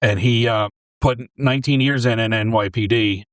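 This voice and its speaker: A man from New York in his forties, a deli owner and former English teacher, telling his story in a relaxed, rambling way on a close podcast mic. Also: medium pitch, normal speed, no echo. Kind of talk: casual interview storytelling.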